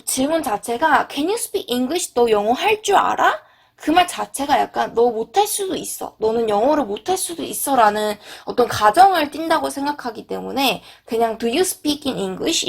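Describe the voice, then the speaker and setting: A woman teaching an English lesson, repeating English phrases slowly and clearly. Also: high voice.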